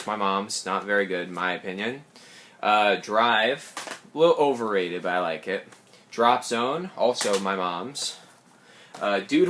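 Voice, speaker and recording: Chatty young man, slightly hoarse. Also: medium pitch, fairly bright tone, slight background noise. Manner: chatty, quick asides, self-correcting. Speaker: collector showing his films. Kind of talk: casual collection walkthrough.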